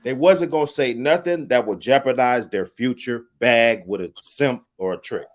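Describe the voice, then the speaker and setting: A man's voice: mid-range voice, normal speed. A man hosting a live call-in talk stream in casual chat, loose with slang and repeating his phrases to hype the room.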